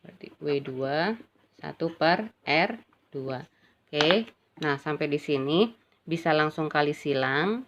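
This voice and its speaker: A woman's voice: deep voice, expressive, slow pace, pauses often. A woman physics teacher gives a casual classroom lecture, chatty and checking in with her students often. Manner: chatty, addresses students as "Nak", frequent "ya kan". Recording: dull lo-fi recording with faint ambient noise.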